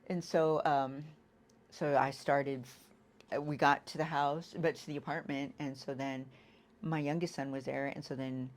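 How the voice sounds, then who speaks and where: A woman giving a candid personal recovery testimony. She talks in a halting way, restarts often and leans on "you know". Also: rumbling low, fairly even intonation. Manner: acts out quoted lines with sudden loud bursts. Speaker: guest sharing an addiction recovery story.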